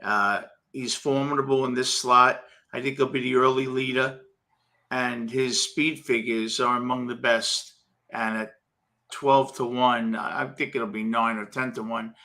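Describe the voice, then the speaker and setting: A man's voice: medium pitch, little pitch movement, unhurried, pushed and bright. A man, giving casual horse racing analysis as a co-host. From Brooklyn, New York.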